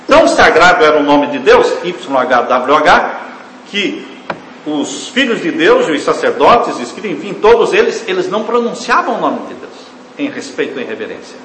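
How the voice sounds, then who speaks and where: Emphatic preacher in an echoey hall. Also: male voice, a little hiss or hum. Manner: emphatic preaching, swings from loud stressed words to hushed low phrases; addresses the congregation as dear ones. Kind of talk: sermon. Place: church hall. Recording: echoey church hall, faint ambience.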